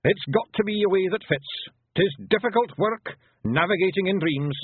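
A man's voice: high voice, normal speed, slightly rough, dry recording, narrow, tinny audio, voice pushed up. A man voicing a tiny, brash, cheerfully bossy pictsie leader with a Scottish accent in a storybook reading. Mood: explaining. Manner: exclamatory, commanding, plain-spoken dialect talk.

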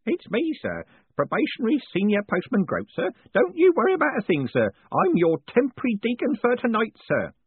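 A man voicing a fussy, eager old male postman who keeps calling people sir in a hoarse whisper. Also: extremely high pitch, huge pitch swings, brisk, no echo, narrow, tinny audio, pitched above the performer's own voice, exaggerated voice. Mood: eager, servile.

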